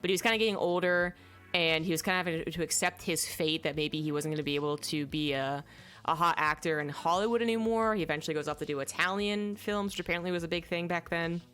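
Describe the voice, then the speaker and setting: A young woman, a native English speaker, chats casually while reviewing films. Her fairly low voice is a bit bright and quick, and she rambles, pausing to search aloud for names.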